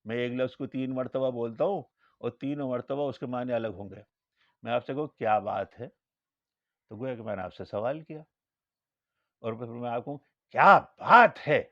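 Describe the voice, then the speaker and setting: With a mid-range voice and no audible room sound, a man delivers a religious lecture as an Islamic scholar, storytelling through anecdotes and voicing the dialogue within them. It's a dull, lo-fi recording.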